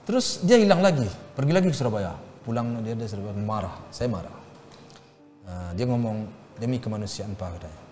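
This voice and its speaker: A middle-aged man, a guest in a casual interview, telling his story in a halting way with many fillers and restarts. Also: medium pitch, animated, darkish tone. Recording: reverberant room with faint music.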